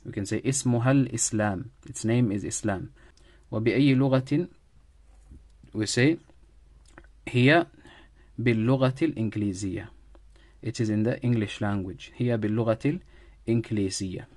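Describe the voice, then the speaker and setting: A man's voice: on the low side, a little mellow, no room sound. Man teaching Arabic grammar, dry sound. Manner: explains slowly, repeating Arabic phrases then translating. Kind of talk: online grammar lesson.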